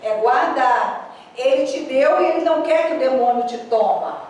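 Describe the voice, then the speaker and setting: Woman pastor, high voice, animated sermon, echoey church hall heard from a distance. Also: normal speed, slight background noise. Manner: animated storytelling preacher.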